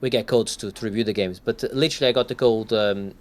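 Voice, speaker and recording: A man's voice: fairly low pitch, fairly even intonation, fast talker. A man co-hosting a gaming podcast, talking in a rambling, casual way and swearing now and then. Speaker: podcast co-host.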